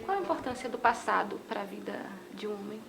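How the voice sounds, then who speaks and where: A woman's voice: medium pitch, expressive, fast talker, vocal fry, a bit bright, soft background music. Woman interviewer asking formal questions.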